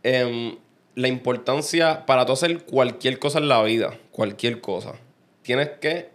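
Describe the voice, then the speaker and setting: A man hosting an interview podcast, chatting in a relaxed way and leading into breaks. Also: medium pitch. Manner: relaxed, chatty, quick affirmations. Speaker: podcast host. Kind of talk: casual interview chat.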